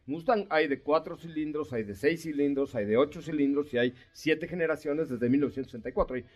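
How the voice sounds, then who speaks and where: A man's voice: fairly high pitch, brisk, a little mellow. A man with a Mexican Spanish accent hosting a car talk show in a chatty, joking, storytelling manner. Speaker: host. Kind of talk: casual radio show chat.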